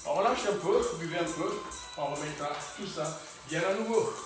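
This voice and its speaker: A man's voice: a little high, moderate pace. A man leading a fitness class, calling out short encouraging exercise cues and chuckling often. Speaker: fitness instructor. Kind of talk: workout class instruction. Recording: very echoey room, voice from a distance, faint music.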